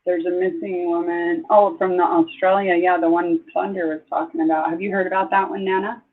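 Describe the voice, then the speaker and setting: An older woman from Southeast Idaho hosting a casual livestream chat, rambling and exclaiming as she gets excited. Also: on the low side, a little fast. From Southeast Idaho, USA. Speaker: livestream host. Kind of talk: casual live-stream chat. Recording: tinny phone-like sound.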